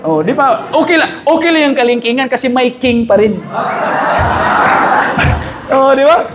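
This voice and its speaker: A man pastor preaching a conference sermon in a church, jokey and animated, mixing in English phrases and asking "amen?" often. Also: extremely high pitch, moderate pace, over a noisy crowd, heavy background noise. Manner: mixes Tagalog with English phrases.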